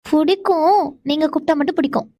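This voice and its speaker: A woman's voice: high voice, fast, dark tone, dry recording, studio quality, close to an everyday voice. A woman voicing a shy, easily embarrassed young wife in a cartoon, fretful and exclamatory, stammering when bashful. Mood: shy, protesting. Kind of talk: animated cartoon voice acting.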